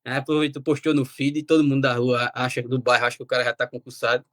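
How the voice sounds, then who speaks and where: A young man, telling his story as a guest in a casual, animated way. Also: medium pitch, fast, no room sound, clean studio sound. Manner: animated, quotes himself and relatives. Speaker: interview guest.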